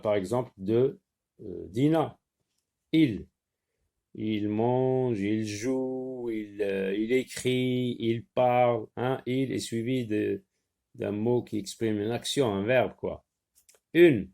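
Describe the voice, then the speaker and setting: A man teaching a spelling lesson, slowly sounding words out and spelling them letter by letter. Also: mid-range voice, vocal fry, darkish tone.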